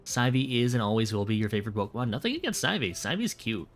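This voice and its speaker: A man's voice: mid-range voice, sing-song, fast, soft background music. A man streaming late at night, chatting casually and rambling, correcting himself as he replies to viewers.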